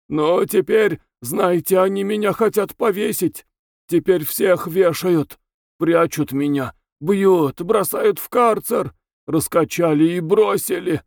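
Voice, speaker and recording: A man voicing a frantic, beaten male prisoner who wheezes hoarsely and cries out in shrill, hiccupping bursts. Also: a little mellow, no echo, clean studio sound.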